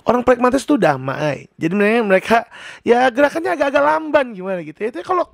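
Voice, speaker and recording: Man, high voice, gravelly, dry close sound, chatty teaching vlog. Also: fast talker, no echo. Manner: chatty, animated. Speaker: personality teacher. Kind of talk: casual explanatory vlog.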